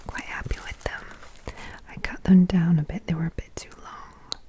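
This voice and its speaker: A woman whispering softly and breathily in a slow, gentle, chatty ASMR style, with crinkling packaging behind her. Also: lowish voice, little pitch movement. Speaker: ASMR video host. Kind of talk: soft-spoken whispered ASMR. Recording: close mic with crinkling plastic packaging. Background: crinkling packaging sounds.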